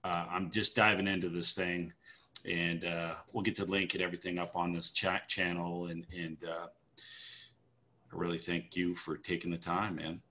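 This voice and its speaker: A man with a very deep yet bright, forceful voice hosts an interview, reacting effusively to his guest's stories. The lo-fi audio sounds dull. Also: level tone, moderate pace. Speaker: interview host. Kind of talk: casual interview chat.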